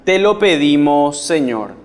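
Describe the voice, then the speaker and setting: Female congregant, extremely deep voice, recited Mass responses, echoing cathedral-like hall. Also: lively intonation, slow pace, darkish tone. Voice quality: low voice in a cathedral-like echo. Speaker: congregation member giving responses. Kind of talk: liturgical response. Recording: reverberant church hall.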